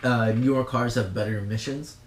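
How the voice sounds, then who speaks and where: A man from Singapore, co-hosting a casual chat and explaining things at length in halting bursts full of fillers and restarts. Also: mid-range voice, steady tone, roomy sound. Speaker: podcast co-host.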